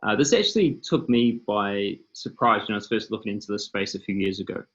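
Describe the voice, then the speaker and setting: A New Zealand company founder presents on a video call panel through his computer mic, the recording muffled. His voice is lowish, animated and fairly quick. He explains steadily, with frequent ums and uhs.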